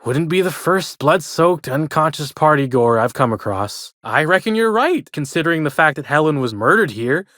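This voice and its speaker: A man's voice: fairly high pitch, animated, moderate pace, few pauses, a bit bright, no room sound, studio quality. A man voicing a chirpy, chatty old-fashioned hotel bellhop in a video game, with a folksy American way of talking. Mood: polite, folksy. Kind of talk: video game character dialogue.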